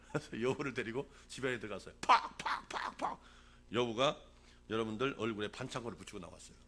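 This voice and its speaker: A man's voice: mid-range voice, a little fast, sharp tone, slight background noise. A man in his sixties preaching a revival sermon as a pastor, calling for responses from the congregation and telling a fable along the way. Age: 60s.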